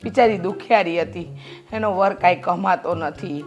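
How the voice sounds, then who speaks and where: An actress plays a kind-hearted middle-aged mother in a short film drama, earnestly and persuasively lecturing her grown son. Her voice is on the low side at normal speed, lightly acted, with faint music in the background.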